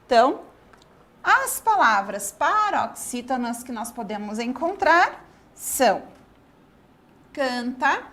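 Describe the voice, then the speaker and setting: A woman teacher from Brazil giving an online grammar lesson, dictating words slowly and asking the class questions. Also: a little high, sing-song, a bit bright. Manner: slow, drawn-out word-by-word dictation.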